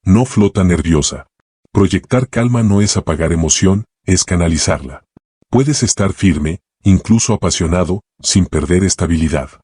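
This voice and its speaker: A man giving calm, measured scripted narration of an audiobook. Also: low voice, breathy edge, no room sound, studio quality. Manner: calm, measured, even delivery.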